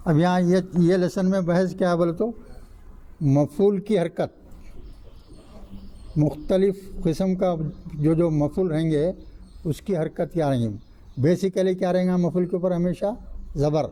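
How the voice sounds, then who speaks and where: A man's voice: sits high, long pauses, warm tone. An older man teaching an Arabic grammar class in a mosque, asking the class questions and answering them himself while repeating the key rules. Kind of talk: classroom lecture.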